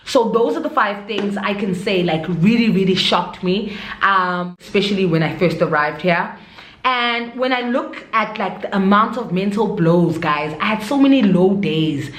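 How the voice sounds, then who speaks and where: Talking to camera in an echoey room, a South African-accented vlogger and expatriate teacher tells stories in a casual, expressive way, sprinkling in Zulu interjections. Her voice is medium-pitched with lively intonation and a moderate pace.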